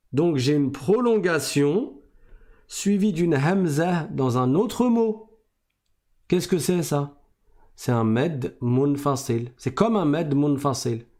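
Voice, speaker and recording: A man gives a recitation lesson at an unhurried, careful pace. His voice sits a little high for a man. He explains patiently and repeats each rule so the class can follow. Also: darkish tone. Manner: slow, deliberate explaining, repeats rules. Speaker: Quran recitation teacher.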